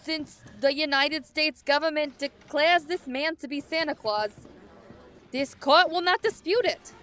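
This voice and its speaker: A woman playing a brisk, exasperated judge in a radio play, authoritative and impatient, over noisy courtroom ambience. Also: high voice, a bit bright.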